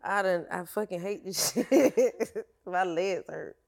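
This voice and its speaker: A woman's voice: on the low side, slow pace, gravelly, darkish tone. A woman fitness instructor telling her story in a candid, slangy, casual interview.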